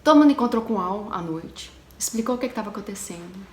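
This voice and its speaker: A woman telling a haunting story in a casual, chatty way, talking straight to her viewers and dropping to a hushed tone for the eerie parts. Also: mid-range voice, animated, fast talker. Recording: echoey room with background noise.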